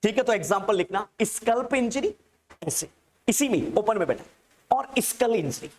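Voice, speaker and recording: Male teacher dictating slowly to a class. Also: high voice, animated. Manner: repeats terms slowly for students to write down; keeps checking that students have understood. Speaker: nursing exam teacher.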